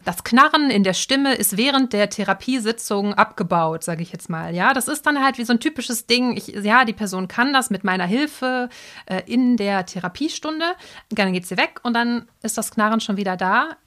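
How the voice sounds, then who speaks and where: A woman voice therapist with a slightly high voice explains her approach in a podcast conversation. She speaks thoughtfully and at length, with many small fillers, into a podcast microphone. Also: fairly bright tone.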